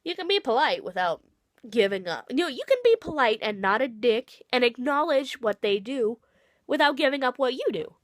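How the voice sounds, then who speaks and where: A woman's voice: fairly high pitch, animated, normal speed, no echo, studio quality. A woman vlogger with a cold, ranting casually and sarcastically, swearing freely. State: has a cold, sniffly. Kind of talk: casual rambling rant.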